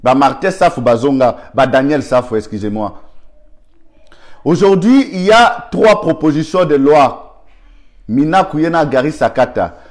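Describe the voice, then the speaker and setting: Congolese man, political commentary, rhetorical questions, fairly high voice. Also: animated, unhurried. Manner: argumentative, rhetorical questions, reads viewer comments.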